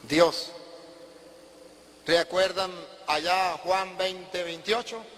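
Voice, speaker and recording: Man preaching, emphatic, quizzes and answers himself, very high forceful voice, reverberant hall. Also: fairly even intonation, very slow, slight background noise. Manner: emphatic, asks questions and answers them himself. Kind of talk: sermon.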